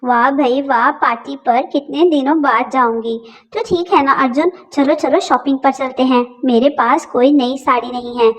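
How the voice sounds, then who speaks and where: A woman's voice: sits high, moderate pace. A woman voicing a quarrelsome young wife who sarcastically threatens to leave for her parents' home. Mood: petulant. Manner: whiny, sarcastic, dramatic.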